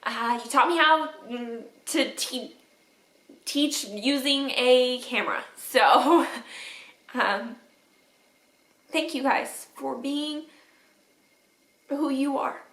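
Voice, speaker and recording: Tearful, slow-talking woman teacher. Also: sits high, a bit bright, echoey room, poor audio. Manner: tender, halting, with teary laughs. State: crying, sniffly. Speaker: third grade teacher. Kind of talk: tearful video message to students.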